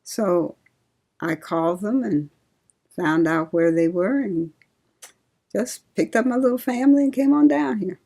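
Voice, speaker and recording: An older woman from Ohio, a retired nurse, reminiscing slowly and laughing often in an oral history interview. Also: medium pitch, creaky, dark tone. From Cincinnati, Ohio.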